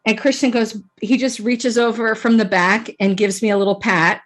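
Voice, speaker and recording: A woman with a slightly high voice, steady tone, and moderate pace hosts a casual podcast interview. She tells a personal story chattily, often restarting sentences and laughing.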